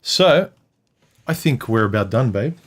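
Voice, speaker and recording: A man's voice: mid-range voice, expressive, unhurried. A man co-hosting a casual livestream chat with his wife, rambling, losing his train of thought and swearing casually. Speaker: co-host of a couple's livestream. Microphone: livestream microphone.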